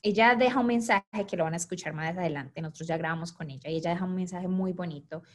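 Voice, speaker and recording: A woman co-hosting a podcast in casual chat, with a Latin American Spanish accent. Her voice sits a little low, and she talks in an earnest, reflective, talkative way. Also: fast. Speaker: podcast co-host.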